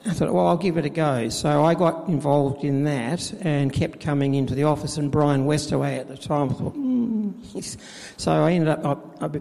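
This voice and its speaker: A middle-aged man tells his story of faith in a halting way, with many fillers and restarts, recorded in a church with a long reverb. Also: medium pitch, vocal fry, mellow. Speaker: church volunteer administrator. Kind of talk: personal faith testimony in interview.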